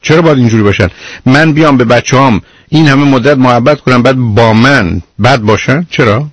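A man hosts a radio call-in counseling show in a firm, lecturing manner. His voice is husky and a little rough around the edges. The studio sound is dry and close, with no room echo. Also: medium pitch. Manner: blunt, lecturing, interrupts the caller. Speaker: radio call-in advice host.

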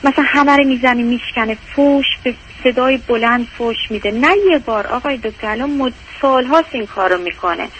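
A woman's voice: on the high side, fairly bright tone, muffled recording, a little hiss or hum. A woman calling in to an advice show by phone, telling her story in a distressed, rambling way. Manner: distressed, fast rambling, tearful at times. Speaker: caller.

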